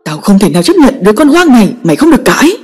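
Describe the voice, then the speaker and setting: A woman voicing a furious, domineering old father who shouts harsh commands at his daughter. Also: mid-range voice, sing-song, racing, breathy edge. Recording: long echoing reverb.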